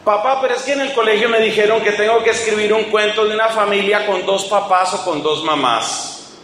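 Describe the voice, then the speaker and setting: A man doing a small boy's voice, bright and high, whining and insisting that his homework must be done his way. The lines come through a roomy, echoing space, as a preacher puts the child on in the middle of a sermon. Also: brisk, a little hiss or hum. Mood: pleading. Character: small boy pleading with his father.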